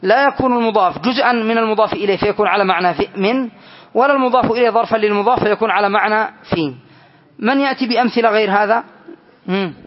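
A man with a high voice leads a grammar lesson, explaining each example slowly and testing his students with questions. The recording sounds dull and lo-fi, like an old classroom lecture tape. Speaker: teacher of Arabic grammar.

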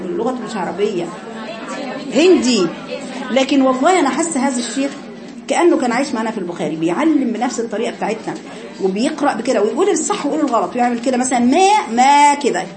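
A woman's voice: on the high side, lively intonation, very fast, crowd noise. A woman with an Egyptian accent teaching a tajweed class, coaching her students and demonstrating sounds over and over. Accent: Egyptian Arabic. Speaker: Quran recitation teacher.

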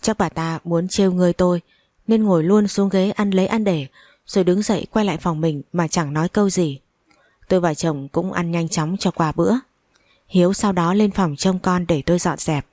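A woman narrating a first-person family drama story in a steady reading voice. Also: lowish voice, moderate pace, dry recording, clean studio sound.

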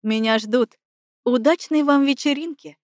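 A woman voicing a smug, cynical young man who talks in a mocking, unhurried drawl, lower than her own voice. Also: dry recording, studio quality.

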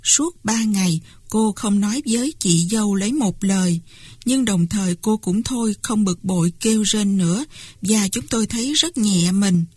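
A woman reads a classic novel aloud in a steady first-person telling, her voice of middling pitch with a husky grain. The recording is close and dry, with no room sound. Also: moderate pace, dry recording. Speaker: audiobook narrator. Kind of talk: scripted narration.

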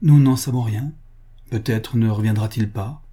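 A sleepy young servant girl in a storybook reading, wary and guarded, read by a man. Her short replies come in a husky, dark voice. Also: on the low side, normal speed.

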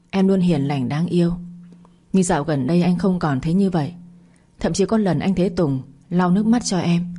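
Proud young husband, reproachful, low and breathy, as a woman reads him. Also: warm tone. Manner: reproachful, measured.

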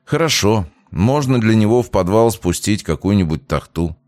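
A man's voice: lowish voice, animated, moderate pace, a little mellow, no echo, lightly acted. Composed male official, plain-spoken, voiced by the narrator. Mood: calm.

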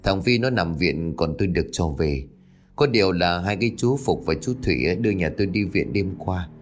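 A man's voice: low-pitched, animated, fairly quick, faint music behind. A man voicing an anxious middle-aged village head who speaks urgently. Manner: urgent, pressing.

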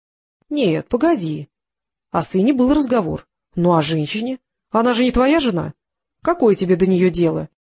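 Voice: mid-range voice, sing-song, normal speed, vocal fry, a little mellow, husky, exaggerated voice. An audiobook reader voicing a menacing man who taunts his captive, in a sneering, mocking manner.

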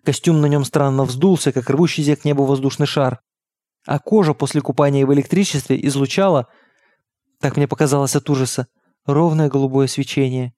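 A man reading an audiobook in steady, measured narration. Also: medium pitch, no room sound, clean studio sound. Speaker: audiobook reader. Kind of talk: scripted narration.

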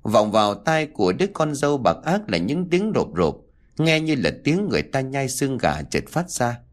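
A man narrating a horror story in a dramatic, expressive way. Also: medium pitch, moderate pace.

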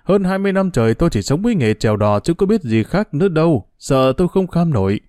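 A humble, anxious older boatman , as a male reader puts him on, deferential and quick to cry out in worry. The voice is warm and mellow and sits close and dry. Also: a little high, sing-song, dry recording. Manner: deferential, fretful exclamations.

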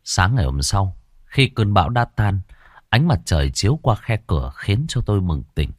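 A man narrating an audio horror story in an expressive, dramatic way into a close mic. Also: low voice, normal speed, no echo.

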